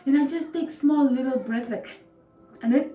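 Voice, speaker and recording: A woman's voice: high-pitched, a little slow, reverberant, muffled recording, soft background music. A young woman with a Namibian accent, telling a personal story casually to her viewers and acting out moments. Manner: animated, acts out moments with quoted voices and sound effects. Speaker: vlogger.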